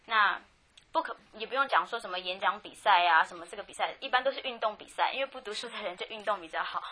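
Quick, bright-voiced Taiwanese woman. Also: mid-range voice. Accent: Taiwanese Mandarin. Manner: chatty, frank, quick storytelling with many restarts. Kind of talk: personal testimony, casual storytelling.

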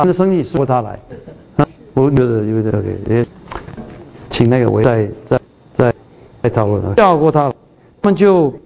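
A male preacher gives a sermon on a Bible passage, repeating and restarting his words, reading scripture aloud with lifted emphasis, and frequently asking if listeners are following. His medium-pitched voice is creaky and darkish, captured on a rough recording with slight background noise.

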